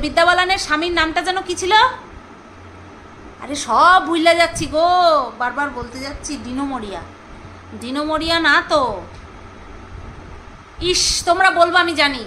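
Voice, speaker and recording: Bright high-voiced chatty woman. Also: slight background noise, rough recording. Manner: chatty, gossipy, searches for names aloud. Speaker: vlogger reviewing a serial. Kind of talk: casual chat to viewers.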